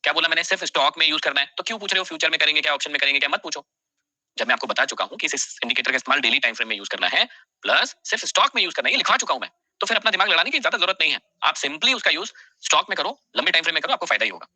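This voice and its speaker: Fast, bright-voiced man teaching. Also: on the high side, animated, no room sound. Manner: fast, repeats key phrases for dictation; scolds then reassures students directly. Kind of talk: live online class.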